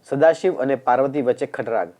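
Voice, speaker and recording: Man narrating scripture in a dark, mellow voice. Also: medium pitch, brisk.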